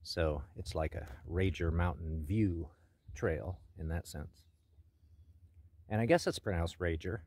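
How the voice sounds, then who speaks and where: An older man talks his way up a forest trail outdoors, rambling and thinking aloud with plenty of ums and uhs. His voice sits low, and he slips in a dry joke now and then. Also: measured pace, a little mellow, husky. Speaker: hiking vlogger. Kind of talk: casual narration while hiking.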